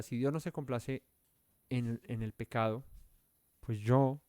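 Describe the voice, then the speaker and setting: A man leads a verse-by-verse Bible study with a smooth, clear voice. His delivery is earnest and explanatory, and he lifts his emphasis on key points. The sound is dry and close. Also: medium pitch, darkish tone, dry recording. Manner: self-correcting, searching for words aloud.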